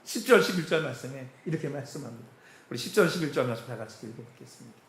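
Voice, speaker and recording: A pastor preaching a sermon in an animated way, chuckling often and asking the congregation questions. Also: male voice, medium pitch, rapid-fire. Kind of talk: sermon with casual storytelling. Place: church sanctuary. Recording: echoey church hall.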